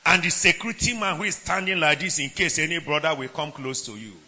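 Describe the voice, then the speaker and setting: A man preaching a sermon. He swings between shouted lines and low asides, and keeps asking the congregation questions. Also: fast. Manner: asks the congregation questions, laughs between points.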